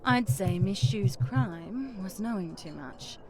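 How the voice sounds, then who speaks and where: An actress playing a sly, flirtatious noir socialite in a video game, with arch, playful phrasing over music. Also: female voice, mid-range voice, expressive, slow. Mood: musing. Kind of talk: scripted video game voice acting.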